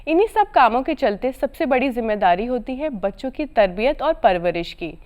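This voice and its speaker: A woman's voice: a little high, big pitch swings, normal speed, a little mellow. A woman hosting a TV programme, introducing and interviewing a guest courteously with frequent affirming interjections. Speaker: TV show host.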